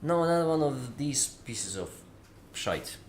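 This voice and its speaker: A man's voice: medium pitch, big pitch swings, measured pace, roomy sound, a little hiss or hum. A man chatting casually on a live stream while eating, often talking with his mouth full.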